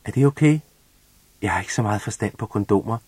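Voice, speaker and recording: A calm, gently teasing teenage girl from a storybook, put on by a man reading the book aloud. She speaks softly and matter-of-factly, low and husky in tone. The sound is close and dry. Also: no room sound. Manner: soft, matter-of-fact.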